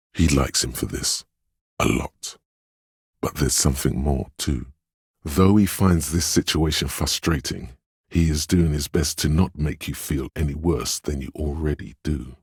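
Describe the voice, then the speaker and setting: A troubled detective hears an inner voice, male, extremely deep and heavily husky, speaking with measured, knowing intimacy in the style of scripted game narration. It comes across gentle and perceptive, performed as a full character voice. The recording is dry and close, without any room sound.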